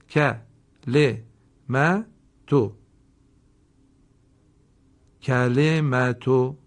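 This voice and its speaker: Man spelling out letters slowly. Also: medium pitch, a little mellow. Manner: spells out letters and vowels one by one, then reads the whole word slowly; polite, formal classroom address. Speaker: Quran reading teacher. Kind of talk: slow instructional lesson.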